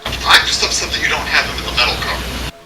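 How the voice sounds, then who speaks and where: A man's voice: mid-range voice, animated, fast talker, loud music behind the voice. Teasing man on a distant, roomy mic. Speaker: co-commentator. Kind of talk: casual chat during a race broadcast.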